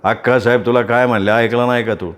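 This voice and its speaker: A man voicing a tough, loyal village henchman who speaks roughly and scolds. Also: mid-range voice, fairly even intonation, fast talker, lightly acted. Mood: angry.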